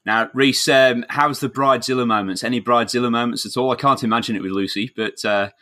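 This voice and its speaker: Bright-voiced Yorkshire man hosting a podcast. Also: mid-range voice, fairly even intonation, quick pace. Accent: broad Yorkshire. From north of England. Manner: enthusiastic, wordy. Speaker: podcast host, swimming coach. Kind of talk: chatty podcast introduction and interviewing.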